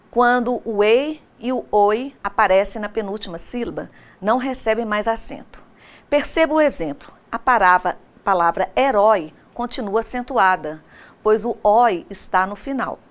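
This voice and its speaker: A woman teacher giving a recorded online grammar lesson, speaking straight to her students and slowing down to spell out example words. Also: a little high. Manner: didactic, addresses students directly.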